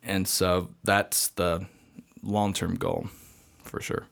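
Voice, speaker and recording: A young man with a slightly low voice talks on a podcast, rambling through restarts, fillers and frequent laughs. He sounds relaxed and conversational. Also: slow pace, vocal fry. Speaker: podcast guest, seminary student.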